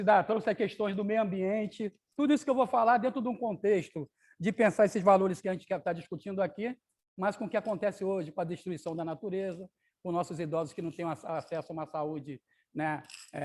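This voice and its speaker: High-voiced male capoeira storyteller. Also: darkish tone. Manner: explanatory, audience-addressing. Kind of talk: children's story reading with asides.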